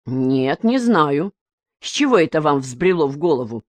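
A woman's voice: sits low, big pitch swings, unhurried, no room sound, full character voice. A woman voicing a jovial middle-aged village father who teases the children and is amazed at them. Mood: teasing. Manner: teasing, amazed exclamations.

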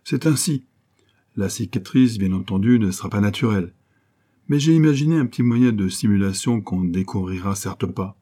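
A man's voice: fairly low pitch, animated, normal speed, mellow. A man reading a novel aloud, voicing a sly doctor who gives stern warnings. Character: sly, smiling male doctor.

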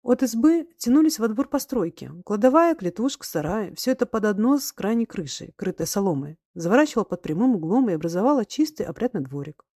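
A woman reading a classic story aloud as audiobook narrator, even and measured. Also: medium pitch, no echo, clean studio sound. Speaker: audiobook reader. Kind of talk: scripted literary narration.

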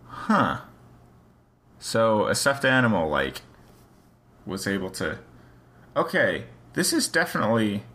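A man's voice: lowish voice, big pitch swings, slow, long pauses, pushed and bright. A man co-hosting a casual chat, reading a story aloud and talking it over in a rambling, self-questioning way.

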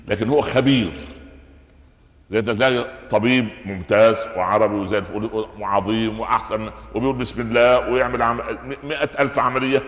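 A male preacher with an Egyptian accent tells stories in a conversational sermon and keeps putting rhetorical questions to his audience. His voice sits at an ordinary middle pitch. It rings through a large echoey hall with a long reverb tail. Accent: Egyptian Arabic. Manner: lively storytelling, asks the audience rhetorical questions. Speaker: preacher giving Quran commentary. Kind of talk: colloquial sermon.

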